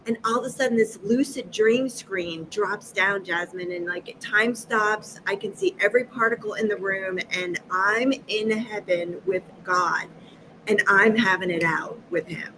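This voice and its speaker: A woman in her fifties from Massachusetts, a guest on a live video chat, telling stories with lively acted-out dialogue and frequent laughter. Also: medium pitch, a little slow, background noise. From Massachusetts, USA. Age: 50s. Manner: lively, acts out quoted dialogue, laughs often. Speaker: guest, energy healer. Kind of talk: animated storytelling in a live chat.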